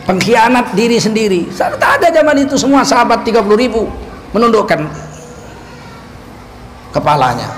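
High-voiced man preaching a lively sermon. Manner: animated storytelling with jokes. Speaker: Islamic preacher. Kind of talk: sermon storytelling. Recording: echoey hall, faint background noise.

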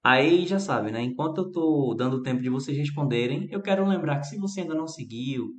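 A man's voice: on the high side, expressive, brisk. A man with a Brazilian Portuguese accent, an English teacher giving a chatty live-streamed lesson and answering viewers by name. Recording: roomy echo.

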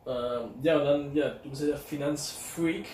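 A man hosting an interview, talking in a quick, casual and colloquial way. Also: fairly high pitch, fairly even intonation, darkish tone. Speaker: interviewer, channel host. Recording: roomy, distant, faint background noise.

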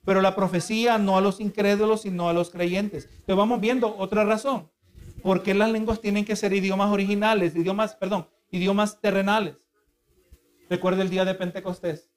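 A man's voice: high voice, steady tone, brisk, smooth. A male preacher giving a sermon, earnest and explanatory, who keeps asking the congregation for agreement. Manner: asks the congregation for agreement again and again; earnest, explanatory, with repeated restarts.

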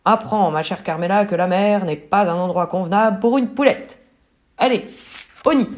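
Lady doing a strict dad rooster from a kids book, low and slow, scolding. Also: darkish tone, lightly acted. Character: stern old-fashioned father rooster.

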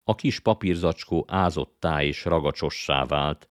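Very deep-voiced male audiobook narrator. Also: dry recording, studio quality. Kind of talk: scripted narration. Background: faint guitar music.

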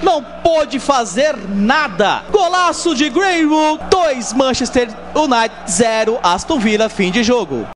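A Brazilian male football pundit with a very high, lively voice gives live match analysis. It comes over a noisy radio broadcast. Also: slow, few pauses.

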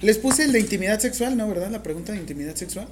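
A woman with a Mexican accent teaching a classroom of nursing students, lively and teasing, asking them questions directly. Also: medium pitch, rapid-fire, a little hiss or hum. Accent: Mexican Spanish. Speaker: nursing instructor. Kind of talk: classroom lecture.

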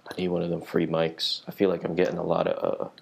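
Low-voiced young man, slangy podcast rambling. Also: completely flat delivery, fast, gravelly, darkish tone. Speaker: solo podcast host. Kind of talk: casual solo podcast chat. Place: small conference room in a library.

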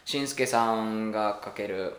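A man with a Kansai accent chatting casually, teasing his partner and breaking into high laughter. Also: a little slow, fairly bright tone, reverberant. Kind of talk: casual chat.

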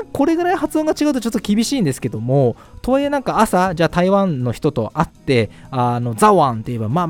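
Lively-voiced man hosting a language lesson. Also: a little high. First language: Japanese. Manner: chatty, many fillers, polite asides. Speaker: Chinese language course host. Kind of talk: casual explanatory monologue.

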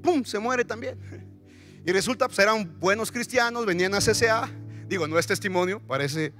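Man, pastor, sermon, high bright voice, animated, church, faint music behind. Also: normal speed. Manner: animated, asks the congregation questions.

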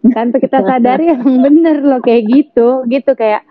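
A mother talking in a relaxed, slangy, reflective way, mixing in English words. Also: high voice, moderate pace, no echo. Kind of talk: casual chat. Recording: tinny phone-line audio, dry.

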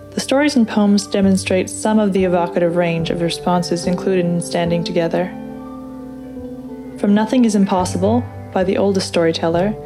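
A woman reading a narrative piece aloud and introducing the program in a measured, deliberate way. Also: fairly low pitch. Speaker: podcast host and reader. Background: music underneath.

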